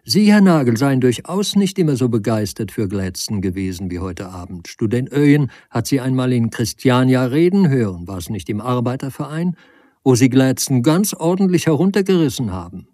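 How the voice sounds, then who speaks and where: Male reader doing playful hostess, raised pitch, mellow husky tone. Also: very animated, moderate pace, no room sound, clean studio sound. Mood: teasing. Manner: teasing, bubbly. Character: lively chatty hostess, teasing woman.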